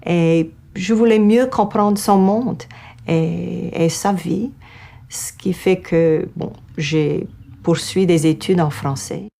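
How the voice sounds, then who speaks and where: A woman's voice: lowish voice, takes it slowly, vocal fry, warm tone. A woman from Louisiana with a Cajun French accent, speaking reflectively as a university coordinator in a documentary. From Louisiana, United States. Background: fiddle music.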